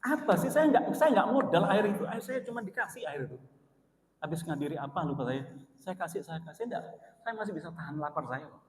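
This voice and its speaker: A man preaching in a mosque, with a fairly high voice and an East Javanese Indonesian accent. He tells his story in a lively way, jumping from loud cries to quiet asides. The sound rings with the long reverb of a large hall. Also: fairly quick, slight background noise. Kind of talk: mosque sermon with personal story.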